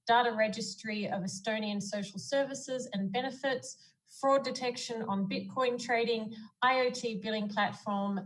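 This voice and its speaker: A woman's voice: a little high, poor audio. A woman moderating a webinar, introducing the next speaker with frequent restarts and repeated words.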